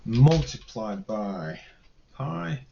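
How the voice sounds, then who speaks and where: Very slowly but very animatedly, a man with a gravelly, mellow, mid-range voice teaches an engineering calculation in a screen-recorded spreadsheet tutorial. Working as a lecturer, he thinks out loud and corrects himself, and the audio is muffled with a faint hiss or hum.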